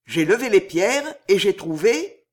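A man's voice: high voice, big pitch swings, unhurried, full character voice. Man doing a humble, awed prison concierge. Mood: deferential. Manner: deferential, astonished.

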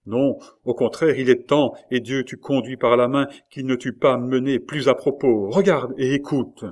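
A man reading aloud as a scheming queen mother, giving orders in loud, high, commanding shouts. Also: fairly even intonation, moderate pace, close to an everyday voice. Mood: urgent.

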